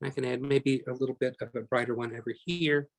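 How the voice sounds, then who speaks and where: A man's voice: mid-range voice, steady tone, fast, gravelly. A man teaching a live online painting class, chatty and talking through each step as he works, often correcting himself mid-sentence. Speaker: painting instructor.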